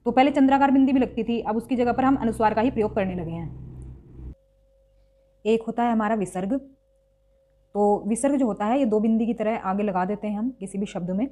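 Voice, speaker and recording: Fairly high and warm, this woman's voice leads a grammar lesson in a classroom style. Patiently, she breaks words into individual sounds and repeats each one slowly so listeners can hear the pronunciation.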